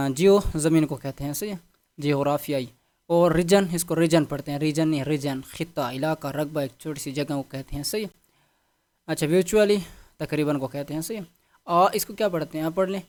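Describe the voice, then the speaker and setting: A man with a fairly high voice teaching a vocabulary lesson. He repeats words, spells them out letter by letter, and checks in with the class after every item. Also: a little mellow. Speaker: English teacher.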